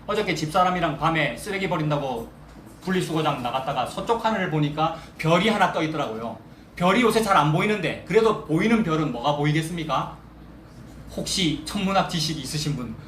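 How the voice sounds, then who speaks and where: A man preaches from a church pulpit, his voice sitting a little high for a man. He talks to the congregation conversationally and keeps asking them questions. The sound rings around a roomy sanctuary over a faint background hum. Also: lively intonation, brisk, a bit bright. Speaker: pastor. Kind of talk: sermon. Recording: echoey church hall with faint ambience.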